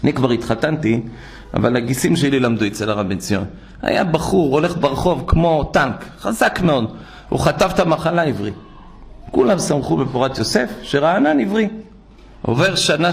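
A man's voice: fairly high pitch, vocal fry. An older man, a rabbi, preaching a sermon and telling stories, acting out the people he quotes. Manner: animated, acts out quoted speech. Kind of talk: sermon with storytelling.

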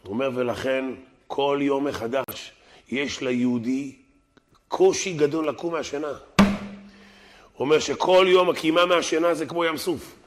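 A man, a rabbi preaching a sermon, animated, shouting out quotations and chanting Aramaic passages. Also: fairly high pitch.

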